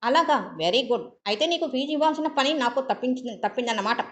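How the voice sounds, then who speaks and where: A woman's voice: high-pitched, lively intonation, pitched above the performer's own voice. A woman playing a chatty, jovial middle-aged host. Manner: brisk, loud and jovial. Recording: dull lo-fi audio.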